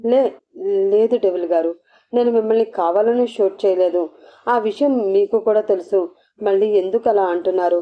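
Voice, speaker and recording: A woman's voice: medium pitch, moderate pace, close to an everyday voice. A woman voicing a frightened, tearful young woman who pleads shakily, in a storybook reading. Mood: pleading. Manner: pleading, shaky. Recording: dull lo-fi audio.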